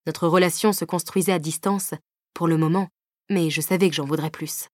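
A woman reading a novel aloud in the first person, measured and even, at a close microphone. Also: deep voice, dry recording. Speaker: audiobook narrator. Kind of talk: scripted audiobook narration. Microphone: close studio microphone.

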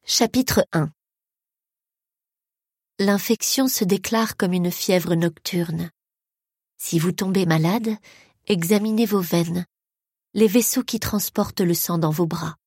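A woman narrates a first-person story at an unhurried, measured pace. Her voice is husky, at a middle pitch. The recording is dry and close, with no room sound. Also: a little mellow, dry recording. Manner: slow, measured reading. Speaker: audiobook narrator.

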